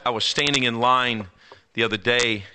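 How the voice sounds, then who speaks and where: A man's voice: medium pitch, moderate pace, a little hiss or hum. Emphatic Texan preacher man. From East Texas, US South. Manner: animated, emphatic preaching with folksy asides. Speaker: pastor. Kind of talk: sermon.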